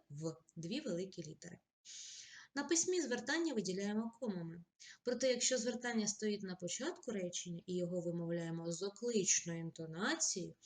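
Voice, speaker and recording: A woman teacher giving a recorded grammar lesson, explaining rules plainly and reading example lines slowly and with feeling. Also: on the low side, a little mellow. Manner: direct, addresses pupils with polite requests.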